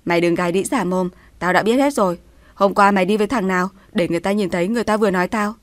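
A woman's voice: medium pitch, rapid-fire, dry recording, natural voice. A woman voicing a cruel older mother-in-law, scolding in a harsh, cutting way. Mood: furious scolding.

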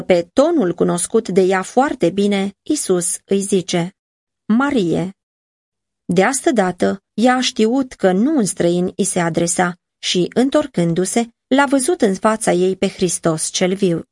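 A woman narrating a devotional audiobook in a measured, earnest reading voice on a close mic. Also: mid-range voice, a little mellow, no echo.

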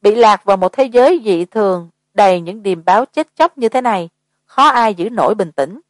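A woman narrates a horror audiobook in an even, measured voice. Her pitch sits at an ordinary height. The recording is dry and close, with no room sound. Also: no room sound. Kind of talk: scripted narration.

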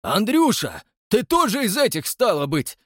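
A man voicing a loud, folksy gray-bearded older man who shouts out from the crowd. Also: high voice, huge pitch swings, moderate pace, no echo, clean studio sound, pitched above the performer's own voice, heavily acted. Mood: astonished.

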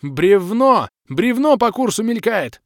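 A man voicing an impatient, brash young male adventurer who talks bluntly and shouts a lot. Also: mid-range voice, big pitch swings, moderate pace, no room sound, clean studio sound, natural voice. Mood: shouting.

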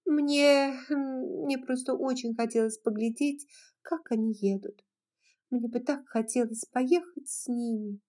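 A woman's voice: medium pitch, lively intonation, moderate pace, dark tone, lightly acted. A woman voicing a willful, spoiled young widowed belle who talks in a petulant, pleading way.

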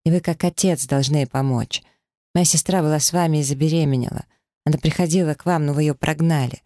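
A man's voice: a little high, steady tone, fast, warm tone, no echo, voice pushed up, close to an everyday voice. Male narrator doing a desperate young aunt, raised pleading voice, dry mic. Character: young woman pleading for her sick niece.

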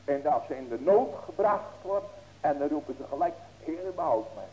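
A man's voice: a little high, lively intonation, moderate pace, mellow, a little hiss or hum, low-quality recording. A man in his sixties preaching as a pastor, earnest and folksy, with rhetorical questions and emphatic ringing cries. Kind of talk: sermon.

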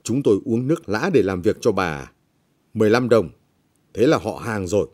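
A man's voice: lowish voice, lively intonation, moderate pace. A man voicing a bullying, greedy village official who talks down harshly and scornfully. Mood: greedy, contemptuous.

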